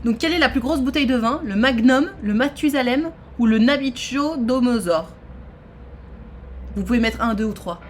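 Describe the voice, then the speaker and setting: A woman, hosting a trivia quiz on a live stream and chatting with her viewers in a lively, exclamatory way. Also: on the high side, normal speed, slight background noise. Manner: animated, exclaims and reads questions aloud to chat. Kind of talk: casual live-stream chat.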